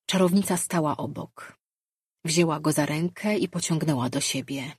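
A woman reading a fantasy audiobook as narrator, in steady, measured storytelling. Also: low-pitched, slightly rough, no echo, clean studio sound. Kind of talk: scripted narration.

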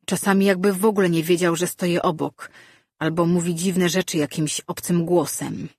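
A woman voicing an anxious, loyal teenage boy apprentice who speaks urgently and high. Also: animated, normal speed, a little mellow, husky, dry recording, studio quality. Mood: worried. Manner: urgent, pleading.

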